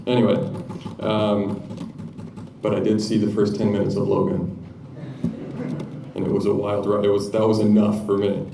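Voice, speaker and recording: Man, live-coding talk, low gravelly voice, echoey hall from far off, noisy, joking asides. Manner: joking, self-deprecating asides. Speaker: conference speaker. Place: conference room with audience.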